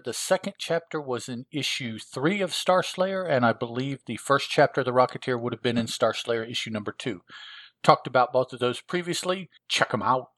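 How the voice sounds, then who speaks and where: A man's voice: medium pitch, a bit bright, dry recording. A man reviewing old comic books, retelling the plot in a rambling, casual way with lots of filler words. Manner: rambling, with frequent filler words and self-corrections.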